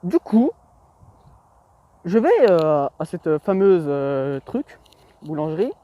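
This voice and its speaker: A man's voice: a little high, big pitch swings, takes it slowly, dry recording, muffled recording. Rambling slangy young guy vlogger. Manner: rambling, slangy, self-mocking, many hesitations. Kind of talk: casual storytelling vlog.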